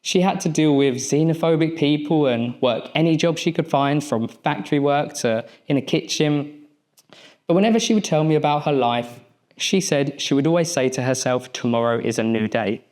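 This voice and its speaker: A man's voice: on the high side, normal speed, a little mellow. A young adult man, a mindset coach, giving a motivational speech on an event stage and telling a personal story in short, punchy phrases.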